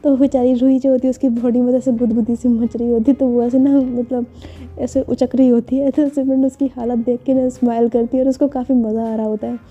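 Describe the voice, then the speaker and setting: A woman narrating a romantic story in a chatty, casual way, full of fillers and quick self-corrections. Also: fairly high pitch, level tone, dark tone, slightly rough. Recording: dull lo-fi recording with faint music. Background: faint background music.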